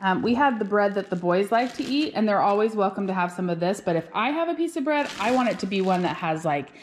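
A woman's voice: mid-range voice, expressive, fast, a little hiss or hum. A woman in her thirties hosting a casual shopping vlog, chatty and upbeat, talking straight to her viewers from her car and kitchen. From Alaska. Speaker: vlog host. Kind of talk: casual shop-with-me vlog chat. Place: car, then home kitchen.

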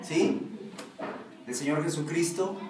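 A man's voice: fairly high pitch, slow pace. A male pastor preaching a sermon, often asking his congregation questions. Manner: asks the congregation frequent questions. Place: church hall. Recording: echoey room from far off, noisy.

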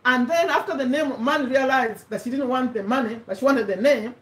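A middle-aged woman from Uganda, English not her first language, giving an animated motivational talk and repeating her points for emphasis. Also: high-pitched, fairly quick, far from the mic. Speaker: host of a live business talk. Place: home room with a bookshelf, indoors. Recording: echoey room, voice a little off-mic.

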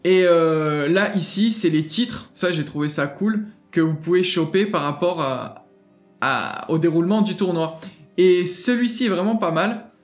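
Casual gaming host, male, slightly high voice, chatty and keen, faint music underneath. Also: unhurried. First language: French. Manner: chatty, enthusiastic, many fillers and restarts. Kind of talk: casual screen walkthrough.

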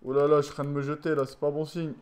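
A tired man commentating his own football video game match, swinging from low muttering to shouted goal calls. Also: little pitch movement, racing. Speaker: gaming YouTuber. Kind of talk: live gameplay commentary.

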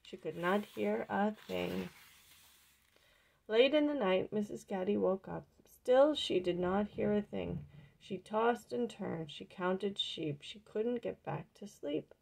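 A woman reading a picture book aloud in plain, unhurried storybook narration. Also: mid-range voice, vocal fry, darkish tone, husky.

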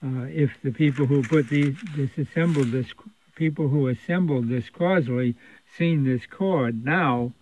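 A radio repair technician narrates a repair video at his workbench in an indoor electronics repair workshop, speaking casually and off the cuff with rambling, conversational explanations. He has a medium-pitched, darkish voice and an unhurried delivery. The audio comes across thin, as if through a phone.

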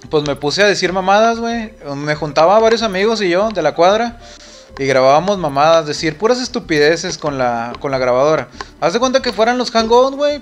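A young man with a Mexican accent streaming a game and chatting casually, rambling and swearing a lot, saying "güey" constantly. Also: a little high. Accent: Mexican Spanish. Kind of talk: casual chat while gaming on a live stream.

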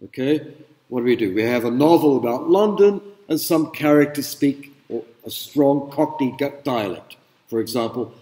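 A man's voice: medium pitch, lively intonation, moderate pace, dark tone. A middle-aged man giving a casual university lecture to students, chatty, with filler words and rhetorical questions. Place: large lecture hall. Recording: echoey hall, speaker away from mic.

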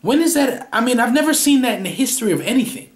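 A man's voice: very high voice, big pitch swings, quick pace. A young man in a mock press conference, playing a coach who gives cocky, defensive, rambling answers into a close studio microphone in a small room. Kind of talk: comedic parody press conference. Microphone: large studio microphone close up.

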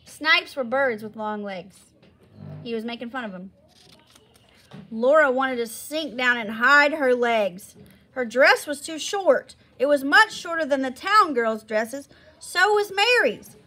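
Expressive woman reading a storybook. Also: high voice, measured pace. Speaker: storybook reader. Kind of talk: reading a children's novel aloud.

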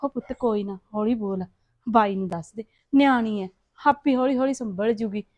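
An actress playing a forgiving middle-aged mother who calms her son, with a Punjabi accent. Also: a little high, moderate pace, no echo, lo-fi sound, lightly acted. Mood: soothing. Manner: soothing, calming. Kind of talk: short-film acting.

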